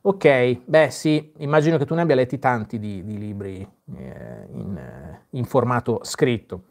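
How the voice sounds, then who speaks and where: A man's voice: mid-range voice, expressive, a little slow, vocal fry, darkish tone. A man hosting a live Q&A, reading viewer comments aloud and answering them in a casual, chatty way with frequent fillers and restarts. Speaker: host answering viewer questions.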